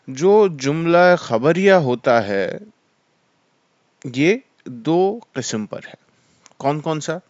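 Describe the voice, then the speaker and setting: A man's voice: medium pitch, no echo. Man, teacher, grammar lecture, mixes in English terms, dry dull recording. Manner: explains slowly, mixing in English terms. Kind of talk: classroom lecture.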